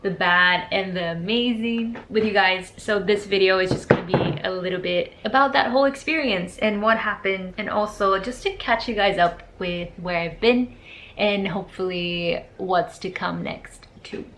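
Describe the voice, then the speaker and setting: A young music photographer and channel host talks loosely to camera in her vlog, lively and quick whenever she goes off on a tangent. She was born in Portugal and grew up in Brazil, has a mid-range voice, and is picked up only by the camera's built-in mic, with faint room noise.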